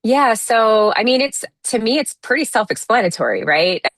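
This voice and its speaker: A woman in her thirties talking in a relaxed, reflective way as an interview guest, often restarting her sentences. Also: a little high, normal speed, no room sound. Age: 30s. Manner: reflective, many restarts and fillers. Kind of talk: casual interview talk.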